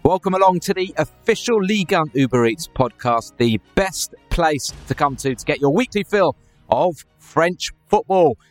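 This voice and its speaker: A man's voice: on the high side, animated, moderate pace, no echo, soft background music. A man hosting a football podcast in a conversational presenting style. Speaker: podcast host.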